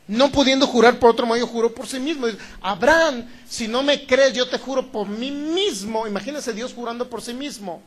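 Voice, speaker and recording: Loud high-voiced Sinaloan preacher. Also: male voice. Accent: Sinaloan Mexican Spanish. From Sinaloa, Mexico. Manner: loud and emphatic, repeating phrases and checking in with the congregation. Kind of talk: sermon.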